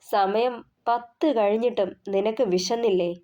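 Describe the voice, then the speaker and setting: A stern young husband whose scolding turns to pleading, voiced by a woman reading a story, in a warm, mellow tone. He sounds gruff yet caring throughout an audio novel. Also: mid-range voice, steady tone, measured pace, highs cut off, lightly acted.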